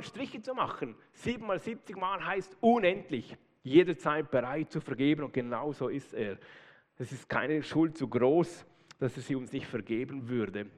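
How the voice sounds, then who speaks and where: A man preaching a sermon in a lively, conversational way with casual asides. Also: medium pitch. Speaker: pastor. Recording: long hall reverb.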